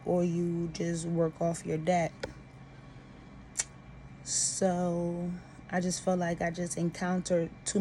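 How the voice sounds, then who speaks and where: A woman's voice: fairly low pitch, warm tone, slight background noise. A woman venting about personal grievances to camera in an emphatic, aggrieved way.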